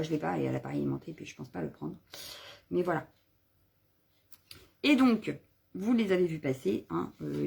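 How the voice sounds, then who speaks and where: A woman chatting casually on a live craft video, showing her stamps and stencils, rambling with fillers and self-corrections. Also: on the low side. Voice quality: husky, gravelly.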